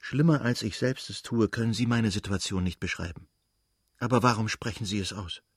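A man's voice: lowish voice, fairly quick, husky, no room sound, studio quality. A man reading an audiobook and voicing a proud, desperate noblewoman who answers her husband in a defiant, bitter way. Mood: subdued.

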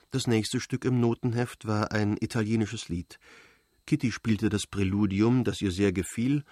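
A man narrating an audiobook in a measured, even reading voice. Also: lowish voice, no room sound, studio quality. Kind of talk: scripted narration.

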